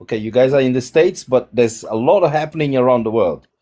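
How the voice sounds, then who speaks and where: A man's voice: mid-range voice, fast talker, dark tone. A man hosting a panel, speaking earnestly, stammering and repeating his points. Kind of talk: panel discussion.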